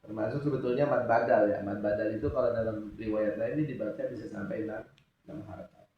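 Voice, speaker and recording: A man teaching Quran recitation in a relaxed religious lesson, often asking questions for his students to answer. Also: fairly low pitch, quick pace. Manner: asks students questions and lets them answer. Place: mosque study hall. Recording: echoey room, distant mic, dull sound.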